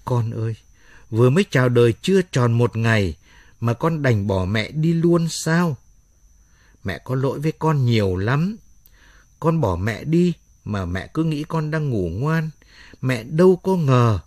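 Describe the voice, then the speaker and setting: A man's voice: mid-range voice, lively intonation, a little slow, darkish tone, no room sound, studio quality, lightly acted. A man voicing a young, frantic new mother who pleads and sobs as he reads a storybook aloud. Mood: sobbing. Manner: pleading, tearful.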